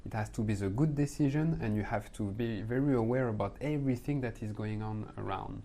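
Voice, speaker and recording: A middle-aged French man with a French accent, speaking as a podcast guest in a calm, thoughtful way, sometimes searching for words. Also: lowish voice, brisk, gravelly. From France. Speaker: guest, manifestation coach. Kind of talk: podcast conversation.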